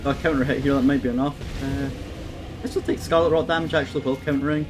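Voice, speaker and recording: A man's voice: medium pitch, fairly even intonation, quick pace, over music. Wry man commentating a game. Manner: wry, swears at the game, thinks aloud. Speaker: gameplay commentator. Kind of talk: casual let's-play commentary. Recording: faint background noise.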